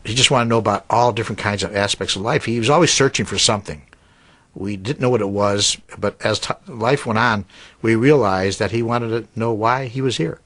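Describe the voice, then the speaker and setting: Older male interviewee, low voice, halting reflective recollection. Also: a bit bright. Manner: hesitant, reflective, with fillers and restarts. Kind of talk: documentary interview.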